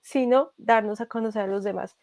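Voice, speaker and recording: A young Colombian woman giving a casual interview, speaking thoughtfully and pausing often with fillers and restarts. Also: medium pitch, gravelly, darkish tone. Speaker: podcast creator, interview guest.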